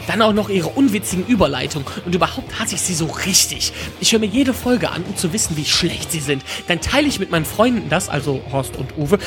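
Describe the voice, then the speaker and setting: A man's voice: a little high, natural voice. A man voicing a crude, spiteful, obsessive ranter with a Saxon accent in a comedy sketch, grumbling and swearing.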